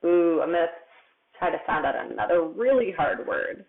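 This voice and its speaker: A woman teaching a remote kindergarten writing lesson, patient and slow, stretching out the sounds of words for young children. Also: on the low side, sing-song, vocal fry, a loud crowd. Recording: tinny phone-like audio.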